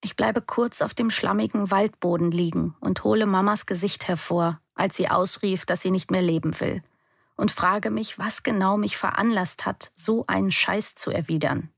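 A woman's voice: medium pitch, steady tone, moderate pace, gravelly, breathy edge, no echo, studio quality. A young adult woman giving an intense, emotional first-person audiobook narration.

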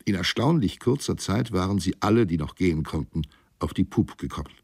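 A man reading a sea story aloud in a measured, weary, grave narrating voice. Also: sits low, animated, vocal fry, darkish tone, breathy edge, no echo, clean studio sound. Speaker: audiobook narrator. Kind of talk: scripted narration of a sea novel.

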